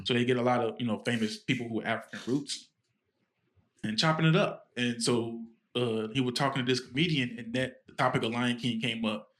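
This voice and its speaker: A man's voice: mid-range voice, steady tone, brisk, a bit bright. A man co-hosting a podcast, telling a story in a rambling, casual way with many fillers and restarts. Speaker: podcast co-host.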